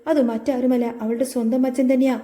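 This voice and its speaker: A woman reading the lines of a calm, soft-spoken father who keeps a family secret. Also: high voice, fast, lightly acted. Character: older Kerala father, calm, guarded and reassuring.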